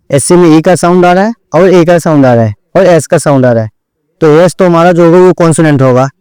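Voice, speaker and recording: A man's voice: a little high, darkish tone, smooth, no room sound, poor audio. A man teaching an online shorthand lesson, explaining each step and repeating "theek hai" after every point as he addresses his students directly. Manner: drills points over and over.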